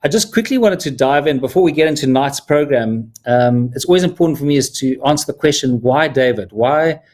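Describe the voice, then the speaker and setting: A man's voice: mid-range voice, expressive, brisk, darkish tone. A man from Zimbabwe hosting a live stream as a film producer, talking in an earnest, heartfelt way with small restarts. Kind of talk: casual live-stream talk.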